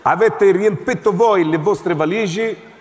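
A man's voice: high voice, expressive, unhurried, a bit bright. A man voicing a fussy, officious male airport security guard who speaks broken Italian and keeps repeating his demands, on a live stage. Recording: live theatre stage, echoing, audience.

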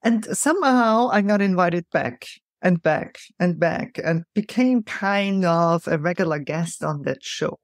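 Speaking at a measured pace with few pauses, this keynote speaker, a middle-aged woman with a mixed European accent, gives emphatic, animated storytelling answers as an interview guest. The voice is on the low side, captured in studio quality without room sound.

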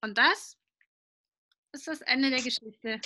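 A woman reading a picture book aloud to children, lively and asking them questions along the way. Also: high-pitched, slow, background noise.

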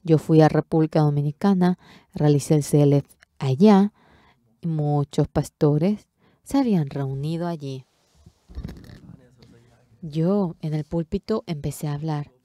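A woman interpreting a church sermon into Spanish, delivering it emphatically and swelling loud on key words. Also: low-pitched, a little slow, long pauses, dry recording, studio quality.

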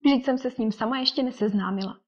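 A woman voicing a fussy, excitable middle-aged mother with fretful nerves in an audiobook. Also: a little high, slightly rough. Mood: irritated. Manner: fretful, indignant, gushing. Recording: dull lo-fi recording.

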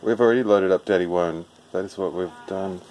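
A woman with a strikingly deep voice teases and jokes in a playful, mock-serious tone. She is speaking at home into a handheld camera, with a faint hum of noise behind her. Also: a little fast, highs cut off. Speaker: mother filming her child. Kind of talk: playful home video chat. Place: home, indoors.

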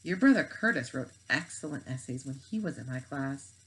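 A woman's voice: a bass voice, animated, normal speed, fairly bright tone, breathy edge, full character voice, poor audio. A woman reading aloud, voicing a stern, proper homeroom teacher. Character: stern middle-aged female homeroom teacher.

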